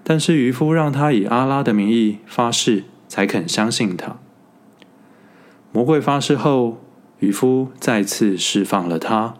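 A man reading a storybook tale aloud, in a slow, even narration. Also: medium pitch.

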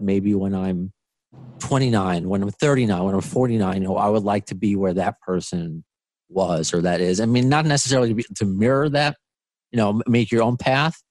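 This man, in his thirties, hosts a podcast and keeps the interview casual, laughing a lot and starting sentences over. He has a darkish, fairly low voice, and the recording is dry.

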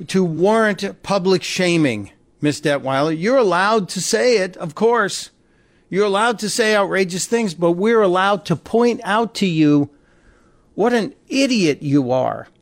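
Male talk radio host, slightly high voice, dry close studio mic, indignant and sarcastic monologue. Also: expressive, measured pace, no room sound. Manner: conversational, indignant, sarcastic asides. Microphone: studio microphone.

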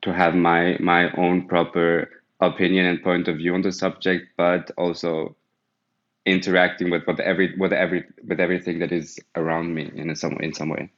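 A man speaking as an artist on a panel, talking slowly and deliberately with frequent restarts. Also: sits low, little pitch movement. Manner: slow, deliberate, with repeated restarts. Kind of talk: panel discussion. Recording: dull lo-fi sound.

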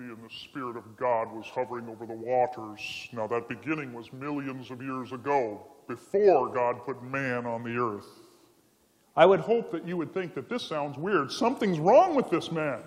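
Preacher with a deep gas-altered voice. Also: male voice, normal speed, in a large hall, rough recording. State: voice made unnaturally deep by inhaled sulfur hexafluoride gas. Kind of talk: sermon demonstration, reciting scripture.

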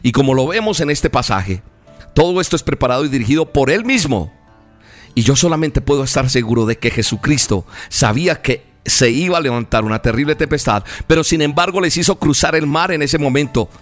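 A man preaching a sermon, retelling a story vividly with dramatic pauses. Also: fairly high pitch, lively intonation. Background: soft music.

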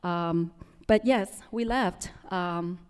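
A young woman from Vietnam with a Vietnamese accent, softly telling her personal story to an audience, with many pauses and restarts. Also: lowish voice, clear, resonant tone, long reverb tail. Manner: soft-spoken, with frequent ums and restarts.

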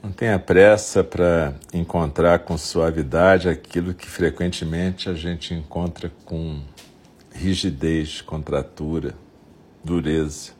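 Very low, breathy Brazilian man guiding meditation. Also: steady tone. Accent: Brazilian Portuguese. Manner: soft, soothing, gentle delivery with long pauses. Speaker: meditation guide. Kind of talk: guided compassion meditation.

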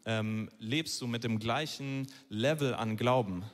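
A man's voice: medium pitch, unhurried. A man interpreting a sermon live, phrase by phrase, often hesitating with fillers. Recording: long reverb of a large hall.

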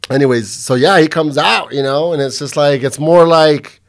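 Speaking at a moderate pace in a voice on the high side, a middle-aged Southwestern American man hosts a podcast. He's a bit drunk and hungover, and his casual storytelling is loose, rambling, and full of profanity.

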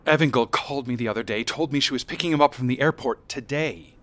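A man's voice: mid-range voice, fast, fairly bright tone, lightly acted. An actor playing a concerned, probing male friend in a radio drama.

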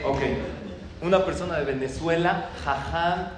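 Rabbi guy cracking jokes, a bit high voiced, really echoey hall, noisy. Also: measured pace, crowd noise. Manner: animated joke-telling with acted voices. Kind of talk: humorous talk to an audience.

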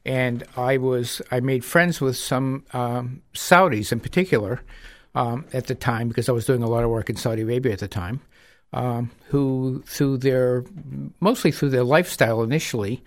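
A middle-aged man talking as a radio show guest in a studio, telling his story in a measured, reflective way. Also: medium pitch, no room sound. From United States. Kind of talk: radio interview. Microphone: studio mic with headphones.

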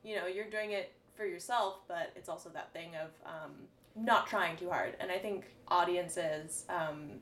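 Female host, easygoing and thoughtful, heard at a distance in a roomy space. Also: on the low side. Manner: relaxed, musing, many "um"s and soft laughs. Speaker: podcast host. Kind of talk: casual podcast conversation. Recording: roomy, distant mic with faint background noise.

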